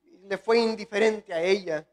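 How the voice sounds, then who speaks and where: A man's voice: sits high, moderate pace. A man with a Salvadoran accent preaching a sermon with impassioned delivery, often calling out to the congregation. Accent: Salvadoran Spanish. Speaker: guest pastor.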